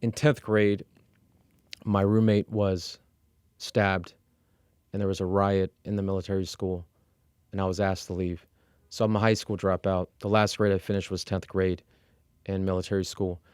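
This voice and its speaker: Fields: man, middle-aged, low clear voice, slow measured. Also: no room sound, studio quality. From Iran. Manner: measured, steady, with frequent fillers and restarts. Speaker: interview guest; executive coach. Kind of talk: candid personal storytelling.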